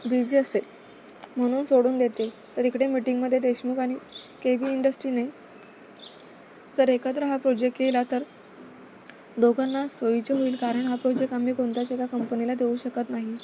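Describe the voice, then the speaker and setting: A woman narrating a romantic serial story at a steady, even pace. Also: sits high, normal speed, long pauses, slight background noise.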